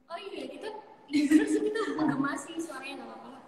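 Seorang perempuan ngobrol santai di siaran langsung lewat panggilan, suaranya bergema sangat keras seperti di dalam gua. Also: female voice, sits high, animated, fast talker, vocal fry. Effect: heavy cavernous echo over a live call. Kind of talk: casual live-stream chat. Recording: very echoey, distant, crowd noise behind.

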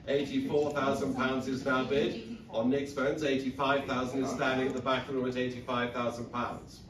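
Middle-aged male auctioneer, rhythmic bid-calling patter, recorded from the back of a busy saleroom. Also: mid-range voice. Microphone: lectern mic, filmed from the audience seats. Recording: echoey saleroom from far back, audience around.

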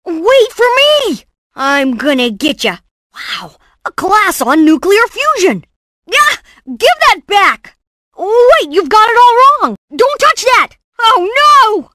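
A brainy, excitable boy inventor from a cartoon game voices short exclamations and catchphrases, sounding alarmed. His bright, forceful voice leaps around in pitch but lingers slowly over each theatrical, cocky, punchy line, heavily acted. The recording is close and dry with no echo.

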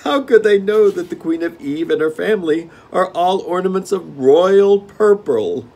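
A man voicing a petulant, vain male gnome king who is quick to anger and gleeful about his tricks. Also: high voice, animated, creaky, a little mellow, pitched above the performer's own voice, exaggerated voice. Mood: smug, gleeful.

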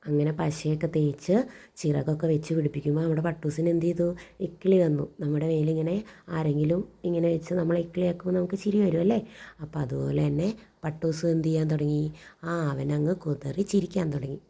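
Woman teacher, low pitch, gravelly, dark tone, reads a story and quizzes the kids. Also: fairly even intonation, brisk. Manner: asks children questions and answers them herself. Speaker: primary school teacher. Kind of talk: storybook reading and explaining a lesson to children.

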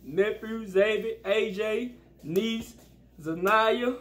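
A man hosting a family vlog, joking loudly and laughing as he plays games with his kids at home. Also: sits high, takes it slowly. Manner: loud, joking, laughs often. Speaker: family vlog host, father. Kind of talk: casual family game chat.

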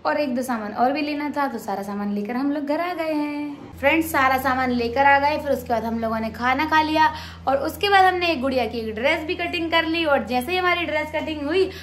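High-voiced woman chatting fast in a vlog. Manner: used to talking loud and fast. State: sore throat. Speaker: vlogger and sewing teacher. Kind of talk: casual vlog chat. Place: at home, indoors.

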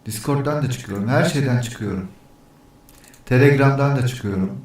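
A man's voice: medium pitch, moderate pace, a little mellow. A man talking casually on a livestream, testing his mic by counting weekdays, reading the chat and grumbling about technical problems. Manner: easily annoyed, grumbling about echo. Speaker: streamer.

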